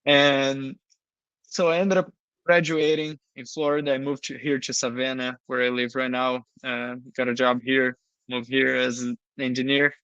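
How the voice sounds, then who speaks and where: Young male interview guest, earnest, smooth and resonant, dry close sound. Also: mid-range voice, little pitch movement, normal speed, bright, forceful tone, no room sound, highs cut off. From Brazil. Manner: earnest, frequent "you know". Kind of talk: casual interview talk.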